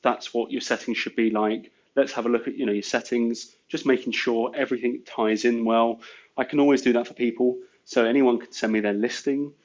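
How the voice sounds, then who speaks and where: A man's voice: mid-range voice, steady tone, fairly quick, lo-fi sound. An English man telling business stories in a rambling casual chat, full of "you know" and "sort of". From England. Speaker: guest entrepreneur.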